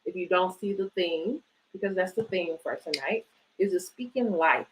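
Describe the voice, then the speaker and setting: This time her voice sits lowish and moves at a moderate pace, on a low-quality recording. The woman, host of a children's bedtime story series and director of a book organisation, reads picture books aloud and talks encouragingly to families at storytime.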